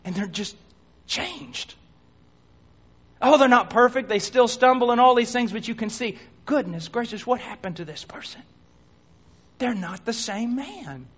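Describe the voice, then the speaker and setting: A man preaching a sermon, telling a dramatic story that swings between hushed near-whispers and shouts. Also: very high voice, expressive, a little slow, pauses often, breathy edge. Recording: dull lo-fi recording.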